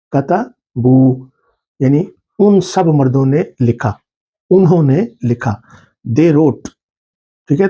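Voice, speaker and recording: Patient male grammar teacher, husky voice. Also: on the high side, mellow. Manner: patient, asks and answers his own questions; mixes in English terms. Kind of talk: grammar lesson.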